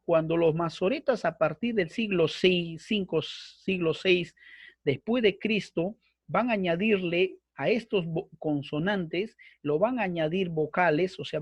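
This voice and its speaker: Unhurried and high-voiced, this man from Peru runs an online Bible class with screen sharing, and there's no echo. His lecture is long-winded and repetitive, full of fillers.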